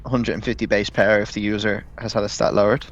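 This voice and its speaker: Low-voiced man, easygoing guest chatter. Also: flat delivery, highs cut off, soft background music. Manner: agreeable, halting restarts. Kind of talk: casual chat about competitive games.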